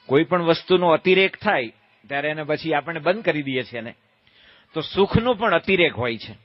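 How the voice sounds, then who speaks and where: Joking monk telling a folksy story. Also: male voice, fairly high pitch, animated, normal speed, no echo, muffled recording. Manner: folksy, joking, acts out shouted calls and quoted voices. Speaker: monk giving a religious discourse. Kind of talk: humorous sermon with storytelling.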